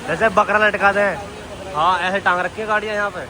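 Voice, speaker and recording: A man's voice: high-pitched, steady tone, fairly quick, a crowd in the background, background noise. A young man, chatting and joking casually in a vlog. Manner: joking, boastful banter. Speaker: vlogger.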